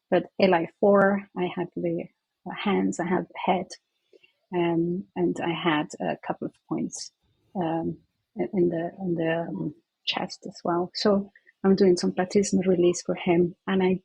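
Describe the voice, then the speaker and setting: A woman therapist, a guest in an interview, telling an earnest, animated anecdote in conversation. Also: fairly low pitch, vocal fry, husky, no room sound, rough recording.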